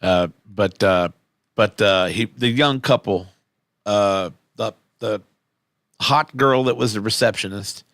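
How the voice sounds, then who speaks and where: A man's voice: on the low side, slow, a bit bright, no echo. A man co-hosting a podcast in casual chat, rambling and swearing, with frequent restarts. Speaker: podcast co-host.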